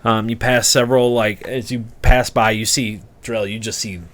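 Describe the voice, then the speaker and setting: Male game master, slightly low voice, halting conversational scene-setting for tabletop play. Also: level tone, fairly bright tone, no echo. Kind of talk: improvised tabletop game narration.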